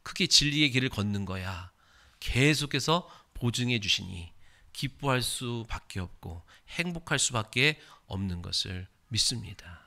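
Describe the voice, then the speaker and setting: A male pastor preaching a sermon and leading a closing prayer, emphatic, swelling louder in prayer. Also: mid-range voice, lively intonation, measured pace, vocal fry.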